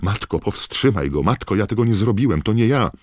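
A man voicing a panicked young man who shouts and begs his father for mercy in an audiobook. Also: on the low side, expressive, a little fast, no room sound, studio quality, pitched above the performer's own voice. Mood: desperate pleading. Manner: desperate shouting and begging. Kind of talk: audiobook character voice.

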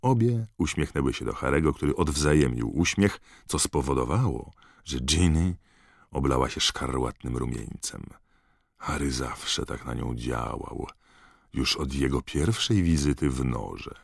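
A man reading a story aloud as an audiobook narrator, expressive and scripted. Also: a bass voice, a little slow, creaky, no echo, studio quality.

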